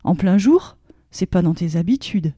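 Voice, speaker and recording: Brief: cold, scoffing husband, voiced by a woman storyteller, dark mellow tone, dry close sound. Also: on the low side, animated, normal speed, husky, no room sound. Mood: irritated, scoffing. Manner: cold, sarcastic retorts. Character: irritated dismissive husband, sarcastic, bored.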